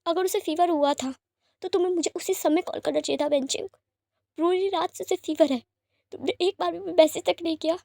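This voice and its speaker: A touchy young man in a storybook romance, sulky and sharp, his lines climbing high whenever he is upset, as a woman reads him aloud. The voice sits high and the recording is close and dry. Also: lively intonation, moderate pace, dry recording. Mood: angry.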